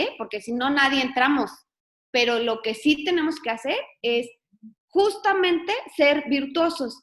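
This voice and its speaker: A woman with a Mexican accent talks about raising children in a relaxed, conversational way. Her voice sits a little high. She leans on everyday anecdotes and keeps adding tag questions. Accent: Mexican Spanish. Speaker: family educator. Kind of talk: informal talk on raising children.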